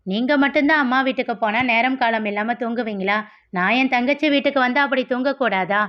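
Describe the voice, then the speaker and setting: A woman's voice: on the high side, brisk, lightly acted. A woman voicing a teasing young husband in a storybook reading, in a lazy, bantering way. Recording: dull lo-fi audio.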